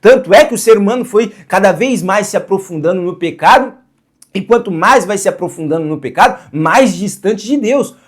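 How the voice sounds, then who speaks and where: A man's voice: high voice, animated, moderate pace, breathy edge. A man preaching a sermon to camera, earnest, posing rhetorical questions and answering them himself, and repeating phrases for emphasis.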